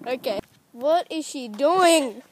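High-pitched teen girl, slow teasing outdoor vlog, noisy phone recording. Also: lively intonation. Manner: teasing, giggly, breaks into shrieks. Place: outdoors in a park and street.

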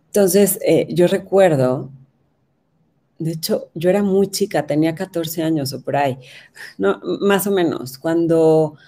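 Woman in her thirties, low mellow voice, chatty storyteller who checks in with the listener. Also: a little slow. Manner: conversational, asks listeners for agreement. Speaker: parenting educator. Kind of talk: personal storytelling talk.

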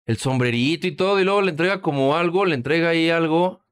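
A man's voice: on the high side, fast, over loud music. A man with a Mexican Spanish accent hosting sarcastic political commentary, crude and mocking, full of slang and swearing. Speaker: host.

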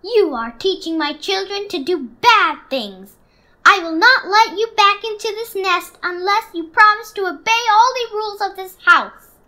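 A woman reading a storybook aloud and voicing a strict, protective mother bird who scolds loudly. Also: measured pace, heavily acted. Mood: stern. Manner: loud, scolding, high-pitched.

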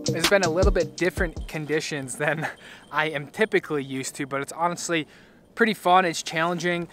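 A man in his thirties giving wry, relaxed running commentary while skiing and riding a chairlift outdoors. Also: fairly high pitch, a little fast, over music. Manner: wry, relaxed, thinking aloud. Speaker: ski vlogger. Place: outdoors on ski slopes and chairlift. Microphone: helmet or action camera mic, selfie framing on lift. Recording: loud wind and ski noise.

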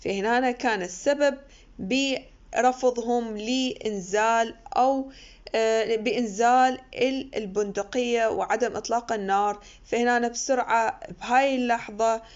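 Higher-pitched woman lecturing, muffled. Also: fairly even intonation, moderate pace, clean tone. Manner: explains English text line by line in Arabic, many hesitations. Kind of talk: recorded university lecture. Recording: muffled lo-fi recording.

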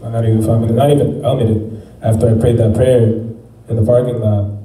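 Young man, faith testimony, halting, reflective, dark mellow tone, echoey room. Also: medium pitch, level tone. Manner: halting, reflective, many fillers. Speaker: testimony speaker. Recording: echoey room, mic at a distance, faint background noise.

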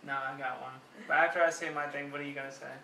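A man's voice: fairly high pitch, steady tone, quick pace, creaky, pushed and bright. A young adult man chatting casually and joking between takes of a home video. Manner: joking, teasing. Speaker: vlogger rehearsing an announcement video. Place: seated at a table in a home room. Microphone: camera a few metres away. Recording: roomy, distant camera mic, noisy background.

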